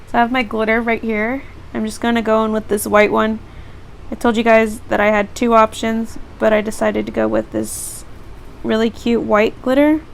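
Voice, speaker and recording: A woman's voice: on the high side, level tone, moderate pace, creaky, slight background noise. A teenage girl vlogger casually narrating each step of a beauty tutorial. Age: teens.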